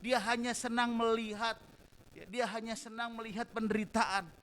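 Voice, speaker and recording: A man preaching a sermon as pastor, animated, moving between loud emphasis and soft asides, in a church hall. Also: very high-pitched, moderate pace.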